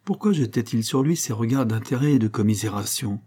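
A man narrating a classic novel as an audiobook, in a measured, dramatic reading. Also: mid-range voice, lively intonation, dark tone, breathy edge.

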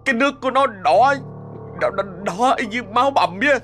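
A man's voice: extremely high pitch, animated, normal speed, sharp tone, faint music behind, pitched above the performer's own voice, heavily acted. A man voicing a terrified young farm worker pleading frantically. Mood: frantic.

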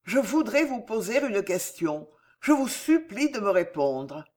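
A reader playing a fiery young man locked in a cell, pleading and demanding answers in a storybook reading. The delivery is animated, with a wide pitch range. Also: a little slow. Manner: pleading, then raging and loud. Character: desperate young male prisoner, proud and fiery.

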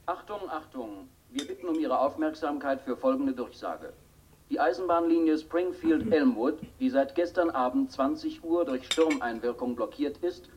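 A man's voice: a little high, a little mellow. An actor playing a formal male radio announcer, reading a bulletin that is heard through a radio set in the room. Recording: muffled, distant radio with faint hiss.

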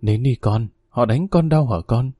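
A man voicing a weary, gentle aging father who speaks softly and consolingly to his daughter. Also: unhurried, breathy edge, dry recording, clean studio sound. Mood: soothing. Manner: soft, consoling, low-spoken.

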